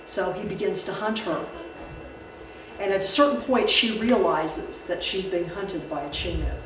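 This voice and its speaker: A woman's voice: mid-range voice, moderate pace. A woman giving a public talk on folklore in a library room, speaking conversationally with many restarts. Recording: echoey room, distant mic, background noise.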